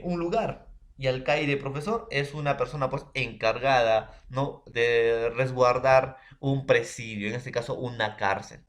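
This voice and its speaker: A man, from Peru, presenting a lesson in class in a halting way, stopping often to address the teacher and classmates and to check they follow. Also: medium pitch, fairly bright tone. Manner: keeps addressing teacher and classmates between phrases; halting, many fillers and checks for understanding.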